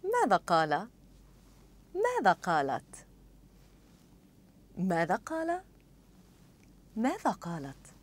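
A woman speaking set phrases for a language lesson, saying each one twice in a careful, deliberate way. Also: medium pitch, huge pitch swings. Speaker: model speaker for phrase repetition. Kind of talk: scripted phrase drills.

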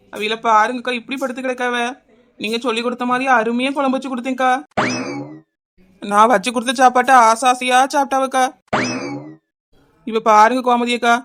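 A woman's voice: high voice, a bit bright. A woman voicing a young village wife in a cartoon comedy, with a Kanyakumari Tamil accent, pleading and insistent. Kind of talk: animated cartoon comedy dialogue.

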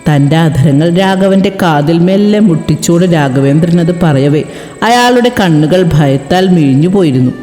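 A woman narrating a dramatic story in an expressive reading style. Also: sits low, normal speed. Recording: echoey reverberant room with music.

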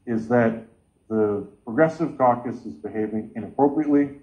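Brief: man in his 40s, chairing a video call, medium pitch, dull lo-fi laptop sound. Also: normal speed. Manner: earnest, gesturing with both hands. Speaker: caucus meeting chair. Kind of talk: online meeting remarks. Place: home room with bookshelves.

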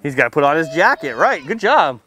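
Under an outdoor tent canopy next to a building, a man playing the firefighter teaches a small group of seated children about safety. His high-leaning voice is sing-song and fairly quick with a sharp edge. He talks simply, teases playfully, and keeps checking in with questions, "okay," and "right."

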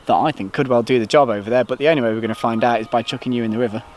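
Brisk man chatting on a riverbank. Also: medium pitch, fairly even intonation, a little mellow, slight background noise. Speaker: fly fishing vlogger. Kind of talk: casual chat while fishing. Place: outdoors on a riverbank.

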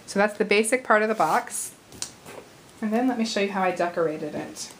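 Woman, 30s, craft tutorial host, chatty, slightly hoarse, mid pitch, faint background hiss. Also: normal speed, rough recording. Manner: chatty, apologetic asides, talks while working. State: slightly hoarse, losing her voice. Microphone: camera at arm's length over the craft table.

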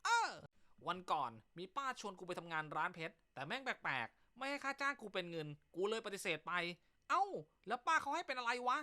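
Comic male host, crude teasing banter, bright tone, animated delivery. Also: high voice, a little fast. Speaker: comedy show host. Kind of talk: casual joke-telling chat.

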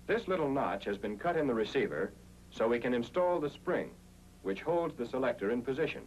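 Fairly quick and expressive, this American narrator has a medium-pitched, darkish voice as he methodically explains a military training film. The 1940s-style soundtrack is noisy and hums.

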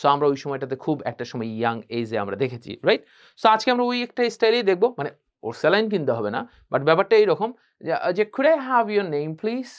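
A man teaching a spoken English class, animated and drilling phrases by repeating them. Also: a little high, brisk, highs cut off. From Bangladesh.

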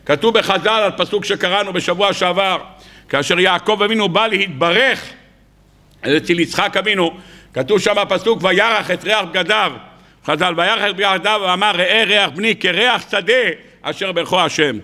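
Male rabbi preaching, high and bright, teasing rhetorical style that slips into acted dialogue. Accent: Israeli Hebrew. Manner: rhetorical questions and playful mockery; animated, acts out quoted dialogue. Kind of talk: sermon.

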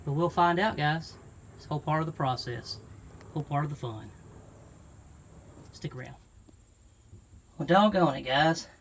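A folksy Southern American man who vlogs about truck camping chats casually to camera about a DIY project, thinking aloud, outdoors and inside a truck bed beside an open garage. His voice is fairly high, at a moderate pace with frequent pauses. Shot on a handheld phone at arm's length, the recording is low quality with slight hiss or hum.

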